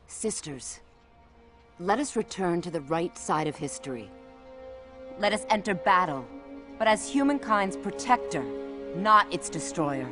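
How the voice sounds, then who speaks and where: A resolute Amazon warrior princess, with a low-set voice that swings widely as she declaims. Her delivery is formal, righteous and commanding, in dramatic video game style over clear music. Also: lively intonation, unhurried, long pauses. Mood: rousing, commanding. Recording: music behind the voice.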